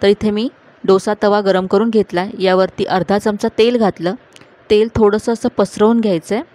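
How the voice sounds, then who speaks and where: A woman hosting a cooking channel, calmly narrating each step of a recipe to viewers in a voice-over. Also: mid-range voice, moderate pace. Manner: calm, instructive, addressing viewers directly.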